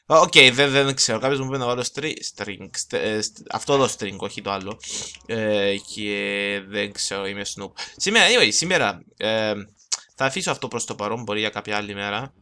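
A young man giving casual gameplay commentary, talking fast and rambling, switching into English phrases and mocking himself. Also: fairly low pitch, fairly even intonation, sharp tone, clean tone. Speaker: gaming channel host. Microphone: desktop mic, no camera.

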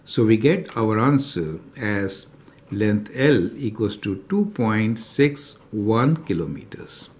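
A man teaching a recorded math lesson, working through problems step by step and often checking in with "right?" and "is that clear to you?". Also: fairly low pitch, animated, takes it slowly, a little mellow. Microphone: off-camera voice over handwritten notes.

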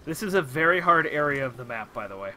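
Bright-voiced young man streaming a game. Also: a little high, quick pace. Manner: excitable, yelps at in-game surprises. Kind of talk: casual chat while gaming.

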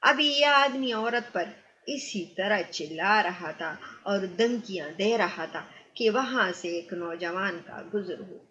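A woman's voice: medium pitch, expressive, bright, forceful tone. A woman narrating a moral story and addressing viewers earnestly. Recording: muffled lo-fi recording.

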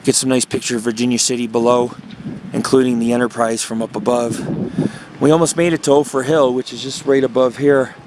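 With a steady tone and brisk delivery, a mid-range male voice narrates a loose, chatty tour as he walks a small town street. The vlogger and paranormal investigator talks into his handheld camera, whose mic records a noisy outdoor scene with traffic humming behind him.

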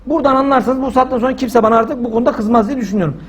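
Shouting high-voiced male preacher. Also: rapid-fire, husky. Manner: loud, forceful, shouting preaching. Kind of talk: sermon.

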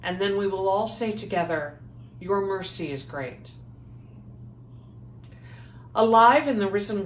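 Slow, solemn American woman in echoey room. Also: medium pitch. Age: middle-aged. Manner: solemn, measured reading. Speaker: prayer leader. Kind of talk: read congregational prayer. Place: small plain room indoors. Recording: echoey room with background noise.

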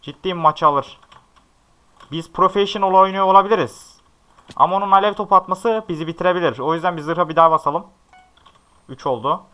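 A young male gaming YouTuber talks viewers through a match in a high, bright voice. He gets excitable and yells at opposing players, then slips back into easygoing asides to his audience. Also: brisk, pauses often, smooth, dull audio. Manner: excitable, shouting at opponents, chatty asides. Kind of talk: live Minecraft commentary to viewers.

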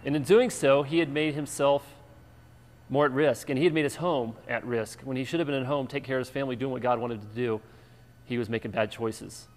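A man preaching as pastor and show host, telling stories with animated emphasis. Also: medium pitch, a little fast. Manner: animated storytelling, lively and emphatic. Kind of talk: energetic sermon. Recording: echoey church hall.

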